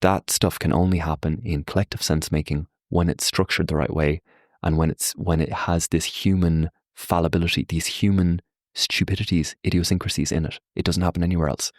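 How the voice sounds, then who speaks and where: A young man, a podcast guest, explaining ideas in relaxed conversation, animated and acting out quoted voices, with many fillers. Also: deep voice, fairly quick, dry recording, clean studio sound. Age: young adult. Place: Ireland.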